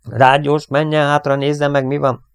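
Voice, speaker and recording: Male narrator as a clipped, urgent pilot, a little raised in pitch. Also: flat delivery, gravelly, clear, resonant tone, dry recording, clean studio sound. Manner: brisk, commanding. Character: commanding male bomber pilot.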